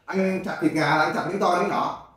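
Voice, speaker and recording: Male interviewer, loud and scolding, slightly high voice, echoey room, mic at a distance. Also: normal speed. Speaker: volunteer group interviewer.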